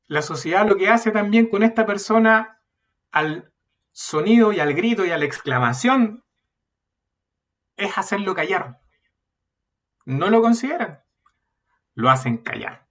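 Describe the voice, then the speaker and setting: A man preaching a sermon at a youth meeting, earnest and building to loud emphasis. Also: high voice, far from the mic.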